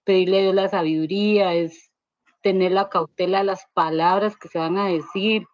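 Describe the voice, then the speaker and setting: A woman's voice: mid-range voice, fairly even intonation, moderate pace, no echo. Woman, conversational testimony, rambling, lots of tag questions, dry dull lo-fi sound. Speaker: student sharing testimony in a church ministry class.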